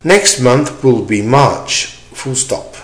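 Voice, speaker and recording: A man reading a dictation exercise as a teacher, in short, measured, deliberate phrases with punctuation spoken aloud. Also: medium pitch, lively intonation. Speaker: language teacher giving dictation.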